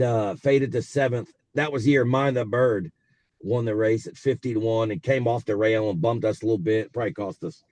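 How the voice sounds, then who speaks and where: Over the phone from his car, a South Texas racehorse owner in his forties chats as an interview guest, casually telling stories on speakerphone as he drives. His voice is medium in pitch and a little mellow, with an easygoing, rambling manner and plenty of fillers.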